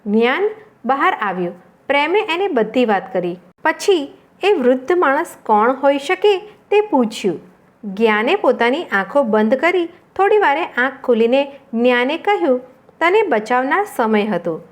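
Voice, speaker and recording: A woman reading a storybook tale aloud in a calm, measured way. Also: high-pitched. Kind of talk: storybook narration.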